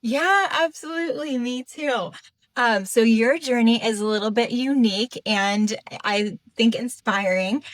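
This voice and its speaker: A woman's voice: a little high, measured pace, dry recording. A woman hosting a podcast interview, introducing her guest and asking questions in a friendly, upbeat manner. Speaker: podcast host.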